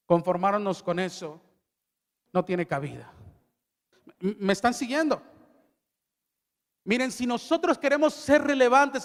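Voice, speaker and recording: A middle-aged male pastor preaching a sermon. He reads scripture aloud and asks the audience questions. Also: very high voice. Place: large hall at a youth event. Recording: long hall reverb.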